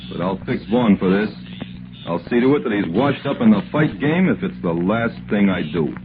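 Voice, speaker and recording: An actor playing a hot-headed, vengeful fight manager in an old radio drama, blunt, slangy and pugnacious. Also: male voice, fairly low pitch, expressive, moderate pace, over loud music, lightly acted. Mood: angry, determined. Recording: narrow, noisy old radio recording.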